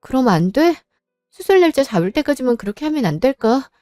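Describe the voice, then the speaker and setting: A woman's voice: sits high, sing-song, brisk, warm tone, dry recording, studio quality, soft background music. A woman narrating a dramatic story in first person, pleading and anxious.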